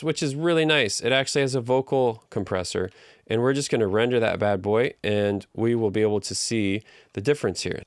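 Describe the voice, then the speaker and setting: A man's voice: fairly low pitch, dry recording. Man, audio tutorial instructor, upbeat and joking, close mic, dead-dry sound. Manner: upbeat, joking, conversational explainer. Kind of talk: screen-recorded tutorial.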